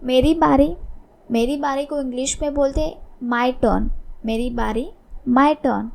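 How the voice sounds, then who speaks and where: Woman English tutor, high voice with fry, mellow tone, patient and repetitive delivery. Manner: repeats each phrase slowly, explaining in Hindi. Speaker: English teacher. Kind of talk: spoken English lesson.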